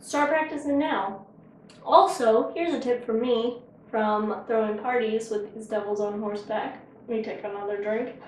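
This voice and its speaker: Tasting dishes in her kitchen, a woman hosts a casual cooking show at home, chatting and joking, sometimes with her mouth full. Her voice is a little high and a little mellow, with fairly even intonation at normal speed. The mic is far off in the echoey room, with a little hiss or hum.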